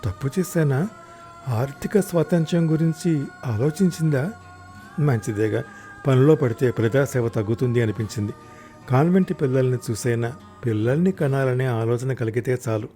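Male storyteller, first-person story narration, warm dark voice, average pitch, angry outbursts in dialogue. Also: normal speed, soft background music. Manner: voices the husband's lines with loud angry raised pitch.

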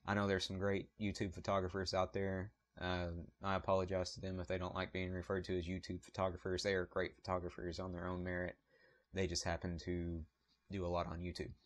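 A man with a Southern US accent hosting his photography channel, talking casually to camera in an apologetic, rambling way, recorded on a point-and-shoot camera mic. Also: deep voice.

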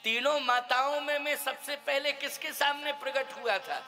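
Man acting out a gentle divine prince, calm reasoning, high voice, clear music behind. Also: moderate pace. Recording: music playing underneath.

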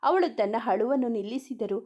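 A woman's voice: on the high side, animated, moderate pace, darkish tone. A woman reading a romance story aloud, narrating and speaking every character in the same voice.

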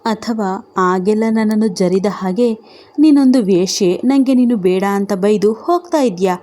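A wounded, soft-spoken young wife who pleads in plaintive questions, as a woman storyteller voices her. Her tone is mellow and warm, told like a storybook scene. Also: medium pitch, unhurried, lightly acted. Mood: pleading.

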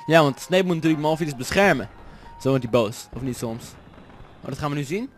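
A man's voice: a little high, animated, brisk, faint music behind. A man from the Netherlands with a Dutch accent, doing jokey let's-play commentary, chatty and swearing often. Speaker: gaming commentator.

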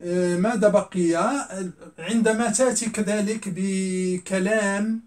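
A middle-aged man teaching a classroom grammar lesson, repeating words slowly and asking and answering his own questions. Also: sits high, fairly even intonation, a little mellow. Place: classroom with a blackboard.

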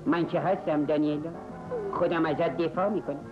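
A man's voice: fairly high pitch, steady tone, natural voice. A man dubbing a boastful, flirty would-be pilot. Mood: doting. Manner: jovial, playful, teasing. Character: boastful, flirtatious office clerk who brags of being a pilot. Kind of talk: Persian film dubbing. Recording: dull dubbed film audio with music behind.

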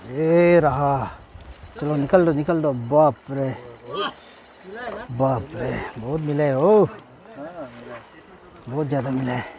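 A mellow, medium-pitched man speaks slowly and pauses often as he narrates a casual vlog to camera. He's outdoors beside a jungle river in the rain, repeating himself and exclaiming a lot.

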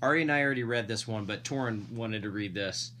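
A dad with a lowish voice reads a picture book aloud, talking fast in a pushed, bright tone. He stretches out the words he emphasizes and tosses playful, casual asides to his listeners, with slight noise in the background.

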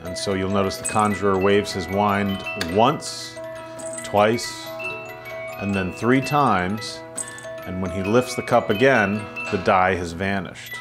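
A man narrating a guided tour through indoor museum rooms, measured and descriptive, with occasional hesitations. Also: on the low side, over music. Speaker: tour guide of a magic collection.

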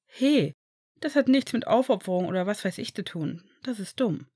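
A woman voicing a young male healer who scolds his injured friend in a brisk, worried way, read from a fan fiction story. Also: medium pitch, lively intonation, warm tone, husky, no room sound, clean studio sound. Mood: scolding.

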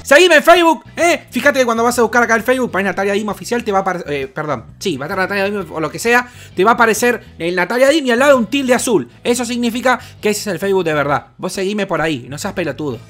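A young man with a Rioplatense Spanish accent, commenting on his gameplay in an excitable, crude way with lots of swearing. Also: high-pitched, racing, few pauses, faint music behind. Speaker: gaming host.

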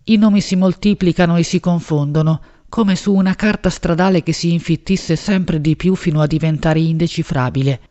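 A woman reads a literary novel aloud at a measured pace, shaping each phrase expressively. The recording sounds slightly dull and lo-fi. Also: fairly low pitch, dark tone. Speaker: audiobook narrator. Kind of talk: literary audiobook narration.

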